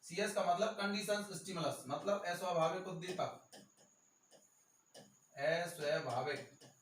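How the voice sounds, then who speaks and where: A male teacher with a Rajasthani accent gives an exam-prep lecture, repeating key terms slowly and stressing them. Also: fairly high pitch, fairly bright tone, slight background noise. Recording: echoey room, voice from far off.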